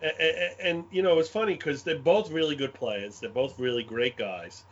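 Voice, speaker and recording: A man with a Brooklyn accent chatting casually in an animated, rambling way, often repeating his phrases. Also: mid-range voice, normal speed. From Brooklyn, New York. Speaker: guest, game scenario designer. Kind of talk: casual chat, anecdotes. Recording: dull lo-fi audio.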